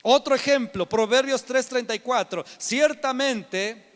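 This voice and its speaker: A man preaching a sermon emphatically, swinging from shouts to hushed whispers. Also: high-pitched, very animated, a little slow, long reverb tail.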